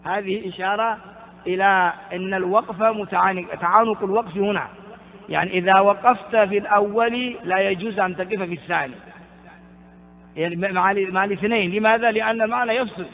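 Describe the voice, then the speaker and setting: A man teaching a lesson on Quran exegesis, explaining at length with rhetorical questions and chanting verses slowly between explanations. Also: high voice, steady tone, slight background noise. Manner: frequent restarts and rhetorical questions. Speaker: Islamic scholar teaching tafsir. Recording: tinny phone-like recording with long reverb.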